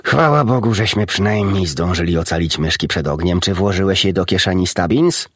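A man voicing a calm, kindly middle-aged doctor who speaks in a measured, restrained way. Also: low voice, no room sound, studio quality. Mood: weary.

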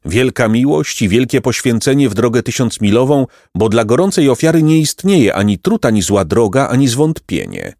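A man narrating an audiobook with expressive storytelling. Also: mid-range voice, moderate pace, hardly any pauses, dry recording, clean studio sound.

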